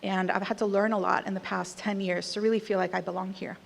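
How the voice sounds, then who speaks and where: Speaking quickly in a flat, gravelly, medium-pitched voice, this thirty-something award speaker from Costa Rica has an American accent. Her speech is candid and conversational with a few emphatic punches, echoing through a large hall over slight background noise.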